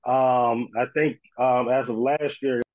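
A man's voice: mid-range voice, fairly even intonation, slow, phone-quality sound. A man giving casual, informal sports commentary as a panel analyst. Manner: informal, conversational, often says "man".

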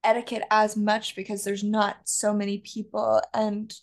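A woman's voice: mid-range voice, monotone, normal speed, gravelly. A woman with a Chicago accent and Midwestern vowels, chatting casually as a podcast co-host in an informal way peppered with "like". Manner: informal, frequent "like".

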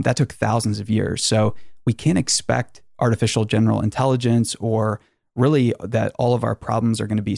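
A man's voice: fairly low pitch, gravelly, a little mellow, dry recording. A man hosting a casual podcast in a garage, talking in a rambling, jokey way with dry sarcasm. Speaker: podcast host.

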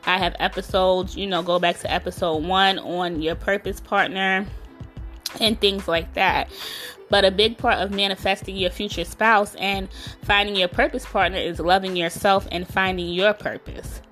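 A woman speaks close to the mic in a casual solo podcast. She coaches listeners in a frank, emphatic way and fills her speech with "you know". Faint music plays softly behind her. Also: medium pitch, steady tone, moderate pace. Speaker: podcast host and self-love coach.

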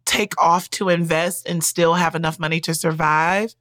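A woman's voice: lowish voice, fairly even intonation, moderate pace, a bit bright, no room sound, clean studio sound. A woman co-hosting a casual podcast chat, sassy and slangy, laughing often and calling people baby. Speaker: co-host.

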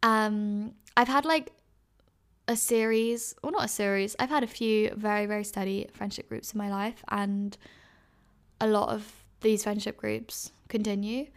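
A young woman in her twenties chats through listener advice on her podcast. She talks in a loose, rambling way, packed with fillers, and her voice often drops into fry. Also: mid-range voice, steady tone, measured pace. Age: 20s. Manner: chatty, many fillers and self-corrections. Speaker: podcast host. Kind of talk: casual advice chat.

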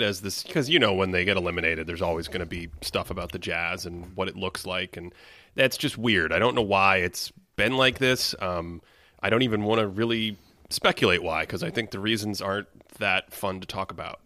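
A man hosts a podcast in a casual, thoughtful way. His voice sits on the low side but comes out bright and forceful. The sound is dry and close, with no room around it. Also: no room sound. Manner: thoughtful, measured, with fillers. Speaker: podcast host. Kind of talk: casual chat.

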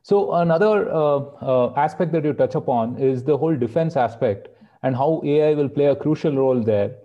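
A male interviewer asking questions in a halting way, with fillers. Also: fairly high pitch, expressive, warm tone. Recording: dull lo-fi sound.

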